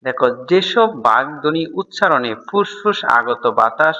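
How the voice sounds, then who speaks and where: A man's voice: a little high, lively intonation, moderate pace, bright, forceful tone. A man teaching a school grammar lesson, explaining step by step and answering his own questions.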